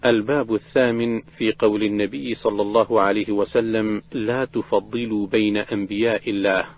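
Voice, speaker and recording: A man reading a classical collection of prophetic traditions aloud in a steady, measured recitation, voicing the quoted dialogue plainly without acting it out. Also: fairly low pitch. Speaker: reader of a hadith collection. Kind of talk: recited religious text reading. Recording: dull lo-fi recording.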